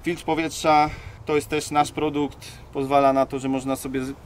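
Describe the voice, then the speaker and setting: A man's voice: a little high, level tone, normal speed. A man casually explains a modified off-road vehicle, hands-on and colloquial, as the car builder showing people around it. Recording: clear vehicle and ambient noise.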